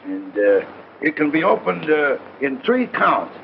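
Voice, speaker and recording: A man playing a gruff, plain-spoken pal in an old film, with a gravelly voice. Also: fairly high pitch, very animated, measured pace, heavily acted. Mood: awkward, proud. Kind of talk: old film drama acting. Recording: dull, noisy old film soundtrack.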